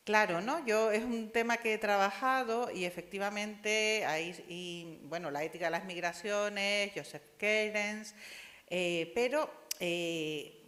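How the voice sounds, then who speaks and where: A Spanish-accented woman from Spain, speaking in a mid-range, fairly bright voice, is an audience member at an academic panel in a university lecture hall. Her discursive academic comment is peppered with tag questions, and the hall adds long reverb.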